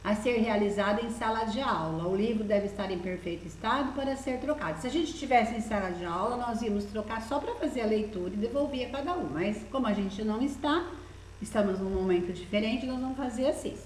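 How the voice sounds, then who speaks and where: A woman's voice: fairly high pitch, a little fast, a little mellow, reverberant, a little hiss or hum, poor audio. A Brazilian woman teaching primary school children in a recorded lesson, patiently coaxing them with many questions as she walks through a workbook. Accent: Brazilian Portuguese.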